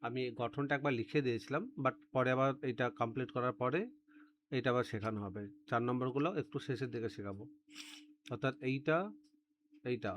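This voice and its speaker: A man's voice: mid-range voice, a little hiss or hum. A male teacher giving a step-by-step grammar lesson, repeating words and spellings so students can drill them. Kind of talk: classroom-style grammar lesson.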